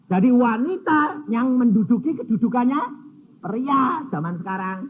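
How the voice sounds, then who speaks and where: A man preaching a sermon, telling stories animatedly and acting out both sides of conversations. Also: fairly high pitch. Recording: tinny phone-like sound with faint noise.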